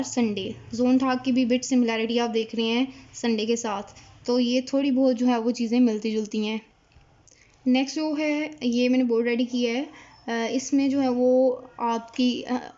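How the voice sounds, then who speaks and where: A woman who speaks natively, teaching German vocabulary at a board, explaining slowly and repeating each word. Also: a little high, a little mellow, lo-fi sound. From Pakistan. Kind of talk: casual whiteboard lesson.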